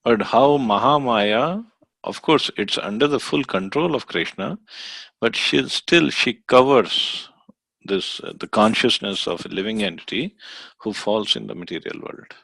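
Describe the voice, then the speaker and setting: Male scripture teacher, low and gravelly, dry close sound, explaining with hesitations. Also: expressive, a little slow, fairly bright tone, no echo. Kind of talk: scripture study lecture.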